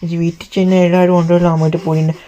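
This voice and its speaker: A man vlogging at home while pranking his wife, in a quick, teasing way. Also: a little high, flat delivery, mellow. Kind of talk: casual home vlog, teasing.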